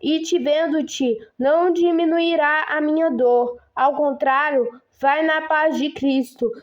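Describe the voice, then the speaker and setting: A woman's voice: high voice, steady tone, takes it slowly, muffled recording. A woman reading as a dying old queen saint. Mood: tender.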